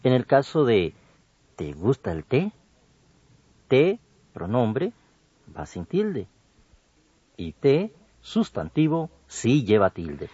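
A man co-hosting an educational radio program, reading a grammar lesson slowly and deliberately. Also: wildly swooping pitch, warm tone, husky, no echo. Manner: slow, deliberate, with wide swings in pitch. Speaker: co-host of a language program. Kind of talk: scripted educational radio narration. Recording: dull lo-fi broadcast audio.

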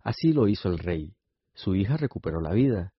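Male storyteller, low husky voice, dry close sound. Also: dry recording. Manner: measured, expressive reading. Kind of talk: scripted story narration. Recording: dull lo-fi radio recording.

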